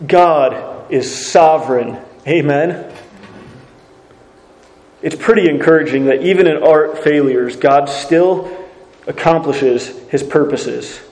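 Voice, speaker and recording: A man's voice: on the high side, a little mellow, roomy sound, poor audio. A man preaching a sermon, reading scripture and asking earnest rhetorical questions.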